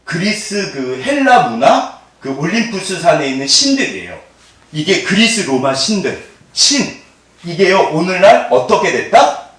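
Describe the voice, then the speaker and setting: A man's voice: high-pitched, unhurried. A middle-aged man preaching a sermon as pastor, quizzing the congregation and laughing often. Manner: animated, asks the congregation call-and-response questions. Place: church sanctuary. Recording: echoey hall, mic at a distance.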